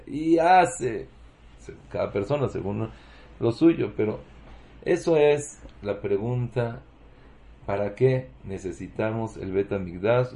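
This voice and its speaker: Guy giving a torah class, slow and warm toned, keeps asking big questions. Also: lowish voice. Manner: rhetorical questions, emotive emphasis. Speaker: Torah teacher. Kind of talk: Torah lecture.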